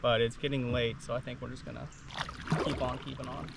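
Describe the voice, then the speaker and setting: A man's voice: mid-range voice, flat delivery, brisk, gravelly, heavy background noise. A man on a canoe camping trip, casually describing riverside campsites as he paddles, outdoors on a river.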